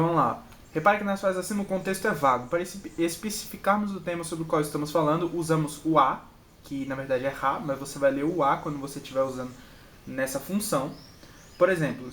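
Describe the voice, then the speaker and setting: A Brazilian man with a Brazilian Portuguese accent and a slightly raised voice talks through his study notes in a relaxed way. He says each example twice and keeps checking that the listener follows. The room is echoey, with a faint hiss behind him. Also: a little high. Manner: repeats example words and checks in with "entendeu?". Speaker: channel host and Japanese learner. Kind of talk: casual study walkthrough.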